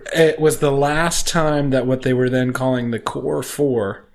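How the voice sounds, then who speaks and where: Man, podcast guest, casual storytelling, rambling, laughs often, middle pitch. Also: steady tone, a little slow, creaky. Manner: rambling, laughs often, quotes people in voices.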